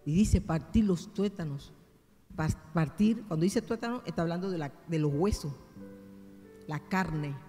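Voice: medium pitch, unhurried, dark tone, in a large hall, soft background music. A preacher delivering a sermon, speaking directly and emphatically to the congregation as brothers and sisters.

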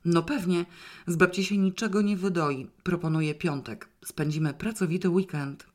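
A woman's voice: on the low side, moderate pace, a little mellow, close to an everyday voice. A woman reading aloud and voicing a blunt, impatient woman friend in an audiobook, close to her own voice. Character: brisk, blunt woman friend, treasure-hunting partner.

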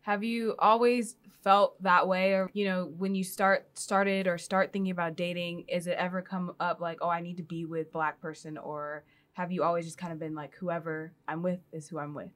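A young woman hosts a casual interview podcast, talking in a relaxed, chatty way and dropping in filler words as she goes. Her voice sits a little low for a woman. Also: moderate pace, few pauses. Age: young adult. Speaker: podcast host.

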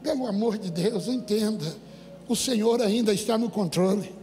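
A Brazilian man preaching as a pastor, emphatic and often rising to shouts while speaking directly to his congregation. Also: high-pitched, normal speed. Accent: Brazilian Portuguese. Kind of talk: sermon. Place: church. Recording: echoey hall with faint music.

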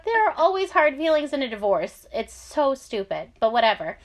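A woman's voice: sits high, sing-song, moderate pace. A young woman hosting a podcast, telling a true crime story in a casual, sarcastic way with lots of fillers. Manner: chatty, sarcastic asides, frequent fillers.

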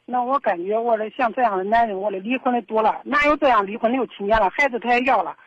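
A middle-aged woman calls in to a phone-in confession show and tells her story in an aggrieved, rambling way, restarting often. Her voice is on the high side, quick, and a bit breathy. It comes over a telephone on a dull lo-fi line with no room sound.

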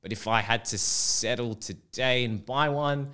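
A man's voice: medium pitch, unhurried, sharp tone, clear, resonant tone. A man, a teacher being interviewed, telling casual self-mocking stories with a joking manner.

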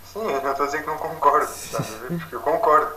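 Fast-talking young Portuguese man, roomy distant sound. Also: on the high side, bright, forceful tone. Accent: Portuguese (European). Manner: slangy, sceptical. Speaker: podcast co-host. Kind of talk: casual chat debate. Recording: roomy, distant mic, noisy background.

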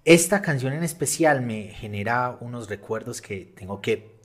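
Man talking in a halting way. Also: mid-range voice, expressive. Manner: halting, emotional. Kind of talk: casual conversation among friends.

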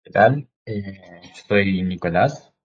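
A man of twenty-four, talking on a video call panel in a hesitant way with many pauses. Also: deep voice, animated. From Argentina. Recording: muffled lo-fi call audio.

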